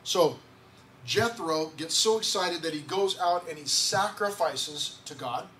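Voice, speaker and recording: Male pastor, high voice, easygoing sermon with restarts, faint hiss behind. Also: measured pace, bright, forceful tone. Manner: conversational, repeats words, asks the congregation questions. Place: church sanctuary.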